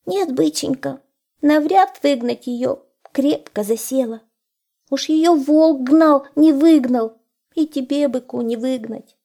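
A woman voicing a timid little male hare who pleads and laments in a high, plaintive voice. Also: slow pace, creaky, warm tone, heavily acted. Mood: lamenting.

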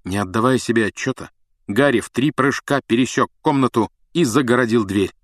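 A man reading a story aloud as an audiobook narrator, in measured storytelling. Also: medium pitch, no room sound, studio quality. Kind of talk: scripted narration.

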